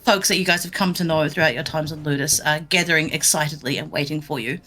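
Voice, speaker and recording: Bright-voiced woman game master. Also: sits low, fast talker. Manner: upbeat, lively scene-setting. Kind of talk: narrating a tabletop game.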